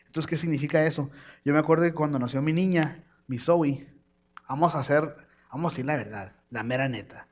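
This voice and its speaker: Preacher, male, raised pitch, animated storytelling, muffled lo-fi recording. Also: brisk. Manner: storytelling, animated, voices his baby's cries. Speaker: pastor. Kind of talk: sermon.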